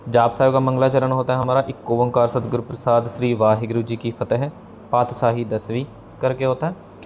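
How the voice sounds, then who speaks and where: A man giving a patient scripture pronunciation lesson, slowly spelling out sounds and mixing in English words. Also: medium pitch, a little mellow, slight background noise. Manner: patient, slow demonstrations of pronunciation; mixes English words into explanations. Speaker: Sikh scripture teacher.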